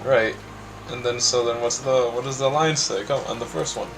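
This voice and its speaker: A young man on a voice call, steering a group read-through and handing out lines with a bossy, joking edge. His pitch sits in an ordinary middle range. Music plays clearly behind him. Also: steady tone, normal speed, low-quality recording. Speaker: directs a group reading of a story. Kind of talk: casual voice chat with friends. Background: background music.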